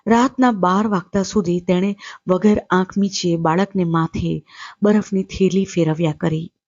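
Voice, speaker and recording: A woman storyteller reading a literary short story aloud in a measured, steady way. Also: medium pitch, husky, dry recording, highs cut off.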